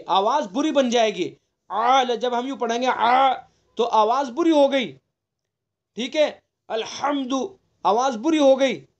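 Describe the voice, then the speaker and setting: High-voiced man teaching Quran recitation. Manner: explains patiently, repeats key points and demonstrates sounds. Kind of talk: online tajweed lesson. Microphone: online class recording.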